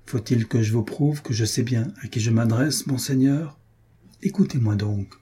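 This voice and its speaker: A man's voice: medium pitch, moderate pace, warm tone, slightly rough. A man voicing a stern, menacing soldier-captain who speaks in clipped, bitten-off words. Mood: curt. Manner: clipped, chewing his words.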